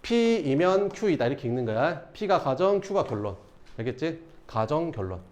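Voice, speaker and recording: A male math teacher talks through problems in a relaxed, informal lecture. His fairly high voice swings up and down a lot. He keeps stopping to ask whether his students are following. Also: measured pace. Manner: casual, keeps checking students understand.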